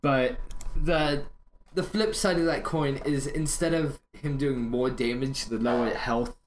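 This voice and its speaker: A man's voice: medium pitch, measured pace. Man hosting a casual podcast, noisy background. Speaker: podcast host. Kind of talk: casual gaming discussion.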